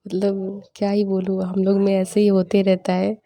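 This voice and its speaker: A young woman in casual voice-over narration for a home vlog, chatty and animated as she retells family banter. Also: mid-range voice, moderate pace. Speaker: vlogger.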